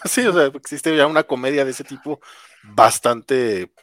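A man's voice: mid-range voice, unhurried, fairly bright tone, dry recording, studio quality. A man co-hosting a casual chat, stammering as he makes his points. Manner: stammering, analytical. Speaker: podcast co-host.

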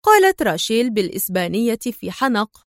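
A woman's voice: fairly high pitch, sing-song, a little fast, dry recording, clean studio sound. Woman giving a dramatic story reading. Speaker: narrator. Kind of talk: storybook narration.

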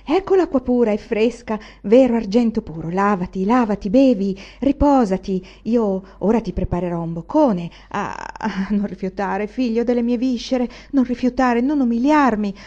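A woman's voice: fairly high pitch, normal speed, hardly any pauses, warm tone, close to an everyday voice. A woman voicing an old widow who dotes on a young man she has not seen in years, pleading and affectionate in a dull recording. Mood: pleading, doting.

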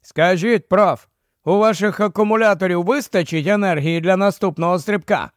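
A brisk, commanding expedition leader, as a man reads him, in a fairly high, dry voice. He gives orders crisply and briskly. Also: dry recording, close to an everyday voice. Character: brisk take-charge male expedition leader.

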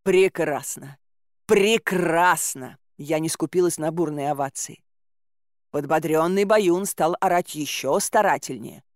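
A woman narrating an audiobook in a lively, wry and theatrical manner. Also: deep voice, normal speed, no room sound, clean studio sound.

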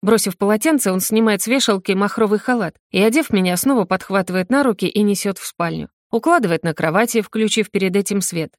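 A woman's voice: medium pitch, quick pace, few pauses, no room sound, clean studio sound. A woman narrating a first-person story in an intimate, confessional reading voice. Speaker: audiobook narrator.

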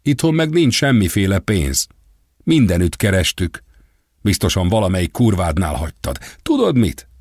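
A man voicing a betrayed woman, shouting and cursing bitterly down the phone. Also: low-pitched, slightly rough, no room sound, clean studio sound, exaggerated voice.

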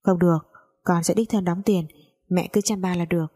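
Woman reading a soft-spoken young wife, mellow, husky. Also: fairly low pitch, fairly even intonation, fairly quick. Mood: calm. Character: gentle, honest young wife.

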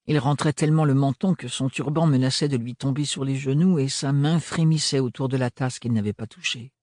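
A man reading a fantasy novel aloud as an expressive audiobook narrator. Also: medium pitch, fairly quick, dry recording, studio quality.

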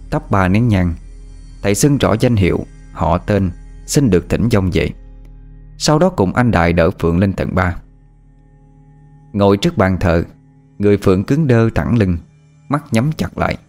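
A man narrating a horror story in a steady, dramatic storytelling manner. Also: deep voice.

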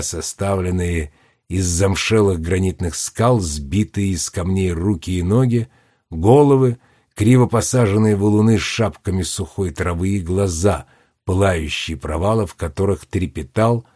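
A man's voice: low-pitched, darkish tone, slightly rough. Man reading a storybook aloud. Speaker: narrator. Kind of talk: audiobook narration.

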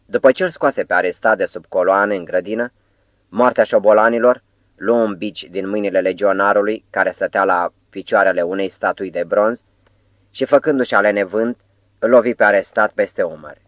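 A man narrating an audiobook in a measured, even reading. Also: on the low side, no room sound. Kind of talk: scripted narration.

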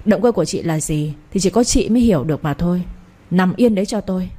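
A woman's voice: lowish voice, animated, fast talker, warm tone, breathy edge. A woman voicing a commanding, scolding old grandmother who rules the family, in an audio story. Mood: stern. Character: stern imperious old grandmother, family matriarch.

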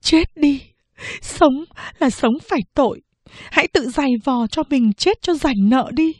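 A woman plays a worn-out young village mother, high and tear-choked as she pleads. The voice is fragile and strained, and it sits in a dry, close-sounding recording. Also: animated, a little slow, no echo. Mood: despairing. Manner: tearful begging.

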